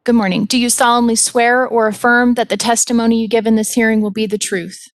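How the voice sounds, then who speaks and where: A woman's voice: on the high side, little pitch movement, brisk, no room sound. Woman judge, dry close sound, polite. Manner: polite, procedural. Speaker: judge presiding over a regulatory hearing. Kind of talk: formal hearing procedure. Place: remote hearing by audio and video link.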